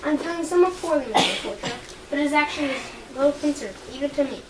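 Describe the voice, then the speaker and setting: A woman plays an earnest, principled Roman conspirator with a high, fast delivery. She sounds far from the mic, with steady background noise. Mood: gentle. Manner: earnest, insistent. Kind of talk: amateur stage acting. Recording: distant mic, noisy room.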